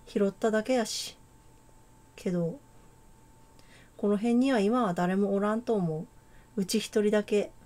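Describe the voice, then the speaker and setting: A laid-back, boyish girl from a game, teasing and unhurried in a put-on Kansai-style dialect, as a woman reads her lines aloud. The voice is mellow and soft-edged, at a middle pitch. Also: lightly acted. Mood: easygoing. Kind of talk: game dialogue read aloud.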